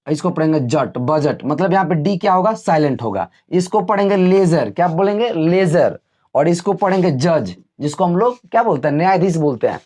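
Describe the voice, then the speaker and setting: A man teaching a video lesson in a chatty, relaxed way. He often asks his students a question and then answers it himself. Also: fairly high pitch. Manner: homely everyday comparisons, relaxed teacherly tone. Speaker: English teacher. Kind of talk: classroom-style video lesson.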